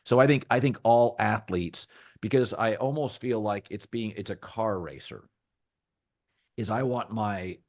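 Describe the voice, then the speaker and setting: A middle-aged man hosts a sports talk podcast, his deep, rich voice measured and thoughtful as he frequently restarts phrases. The studio sound is clean with no echo.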